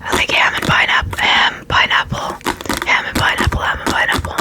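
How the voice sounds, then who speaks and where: An ASMR creator speaking in a fast, breathy whisper, often repeating short phrases while answering viewer questions.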